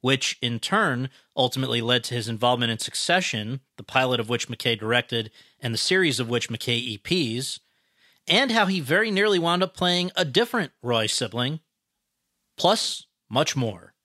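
Bright-voiced male podcast host. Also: mid-range voice, lively intonation, moderate pace, dry recording, studio quality. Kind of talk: scripted intro then interviewing.

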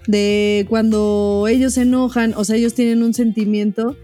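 A woman's voice: fairly high pitch, level tone, normal speed, mellow. A woman host, a mother, talking casually with many hesitant fillers. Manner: rambling, hesitant, many "este" fillers, laughs. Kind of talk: casual podcast chat.

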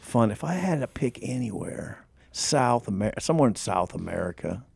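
A man's voice: medium pitch, big pitch swings, normal speed, creaky, darkish tone, slightly rough, no room sound. A man co-hosting a sports podcast, speaking casually and with dry wit. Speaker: podcast co-host.

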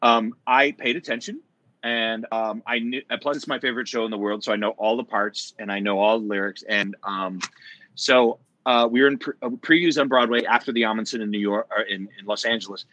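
A man's voice: on the low side, steady tone, brisk, a bit bright, dry recording, low-quality recording. A man, a Broadway actor, telling a backstage story in a rambling way, full of fillers and self-corrections. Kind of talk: casual chat.

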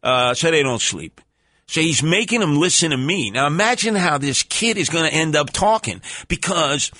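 A man hosts talk radio in a New York accent, his voice bright and punchy in a dry studio sound. He rambles through comic monologue with bombastic, theatrical delivery. His streetwise speech is full of colourful coinages. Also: fairly high pitch, no room sound.

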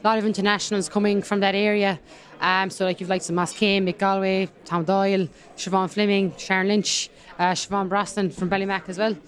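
A woman's voice: medium pitch, flat delivery, a little fast. A woman with a Kerry accent from the west of Ireland, answering as a rugby player in a casual sports interview. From County Kerry, Ireland.

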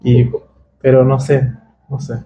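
Creaky, mellow Chilean-born man musing. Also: mid-range voice, completely flat delivery, measured pace, echoey room, dull audio. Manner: reflective, hesitant, searching for words. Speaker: guest illustrator. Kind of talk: casual interview. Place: booth at a festival.

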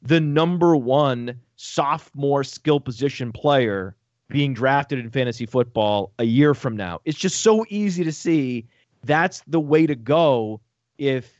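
A man talking fantasy football on a casual sports podcast, excitable and joking, with profane rapid asides. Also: medium pitch, dry recording. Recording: dull lo-fi dry audio.

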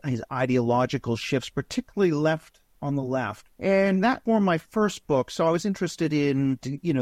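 Man, middle-aged, from Canada, academic guest, measured explanations, mid pitch, dry sound. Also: darkish tone, dry recording. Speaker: guest professor. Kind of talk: interview answers.

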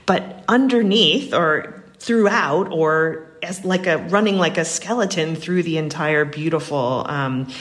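An American woman is a guest in a casual interview conversation, answering questions in a chatty, reflective and wry way. Her low voice moves at a measured pace with few pauses and a fairly bright tone.

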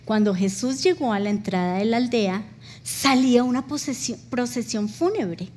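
Lady pastor preaching, high voice, emotional storytelling. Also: normal speed, darkish tone. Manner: emotional storytelling, acts out dialogue. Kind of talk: sermon.

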